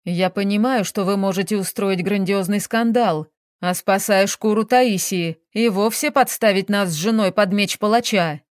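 Casting: a woman playing an agitated middle-aged businessman from an audiobook, blustering and whiny, slow, dry recording. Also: medium pitch, no echo, natural voice. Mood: panicked.

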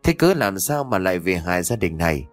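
A man's voice: deep voice, sing-song, brisk, no room sound, soft background music. A man voicing a stern male exorcist master in an audio story, scolding and giving orders. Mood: commanding.

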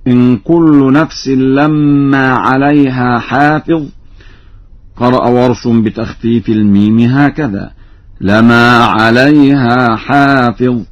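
Man teaching recitation on dull old radio. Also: medium pitch. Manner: explains plainly, then chants verse examples slowly. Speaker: Quran reading scholar. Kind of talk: radio lesson on recitation variants.

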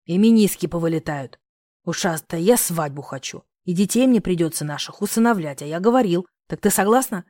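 A woman's voice: fairly low pitch, animated, brisk, mellow, no echo, clean studio sound. A woman reading the lines of a teasing, mock-grumbling young man in love.

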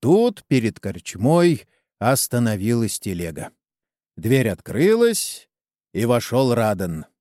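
A man narrating a story in an expressive storytelling manner, as an audiobook. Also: medium pitch, slow, no room sound, clean studio sound.

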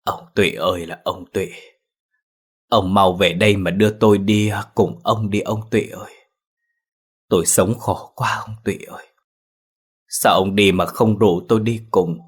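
A man's voice: deep voice, fairly even intonation, normal speed, long pauses, breathy edge. A man voicing a sick, grieving old grandmother muttering her laments. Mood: lamenting.

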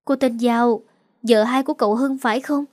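A woman's voice: on the high side, steady tone, moderate pace, darkish tone, no room sound, studio quality, natural voice. A woman doing a pleading young servant girl. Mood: questioning. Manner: pleading and humble.

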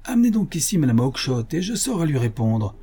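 A gruff, blustering poultry dealer, put on by a male reader, pitched a little high. The voice underneath is mellow and husky, with an audiobook reading manner. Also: animated, normal speed. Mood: furious.

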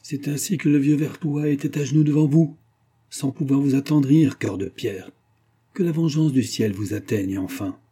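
A man reading aloud, voicing a vengeful, triumphant colonel with accusing, declamatory delivery in a husky, dark voice. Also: mid-range voice, normal speed, pitched above the performer's own voice, natural voice.

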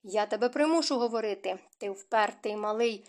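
A woman's voice: fairly high pitch, moderate pace, lightly acted. Woman reading as a furious proud duke. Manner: shouting and bellowing. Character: angry proud aristocratic duke, middle-aged man.

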